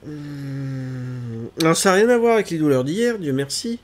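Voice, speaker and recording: A slightly high-voiced man in his thirties speaks at a measured pace to his live-stream audience. Stuffy from a cold, he sits in his gaming chair in a small home room, chatting away, making fun of himself and fussing over tech trouble while he plays.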